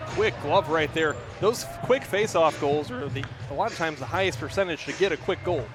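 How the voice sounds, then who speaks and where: A man giving relaxed color commentary and sponsor reads at a high school hockey game, joking easily with his partner. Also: a little fast, music in the background. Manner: relaxed, chatty analysis with self-deprecating jokes. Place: ice rink press area.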